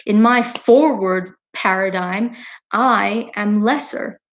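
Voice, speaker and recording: A woman's voice: mid-range voice, slow pace. A woman voicing the moon as an indignant female figure who complains she has been wronged, in a chatty exasperated way.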